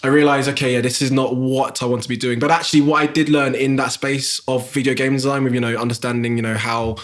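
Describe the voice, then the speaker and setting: A man's voice: mid-range voice, flat delivery, fast talker. A man in his thirties with a South London accent, a guest in a podcast interview, talking reflectively with many fillers and restarts. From England. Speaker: guest, graphic designer.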